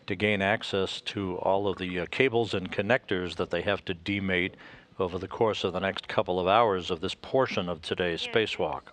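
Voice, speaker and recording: An American man giving live technical commentary from mission control, in a measured, halting delivery full of uhs. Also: low voice, steady tone, a bit bright.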